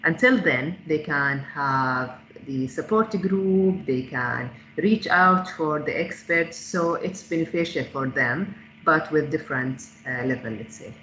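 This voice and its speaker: A woman's voice: low-pitched, unhurried, fairly bright tone. A woman founder answering audience questions on an online panel, hesitant and full of fillers and restarts. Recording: echoey, dull call audio with faint noise.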